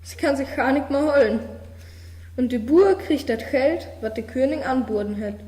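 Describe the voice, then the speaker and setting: A woman reading a fairy tale aloud in a slow, measured storytelling manner. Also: high-pitched, warm tone. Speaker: reader. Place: studio of a media centre. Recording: roomy hall reverb.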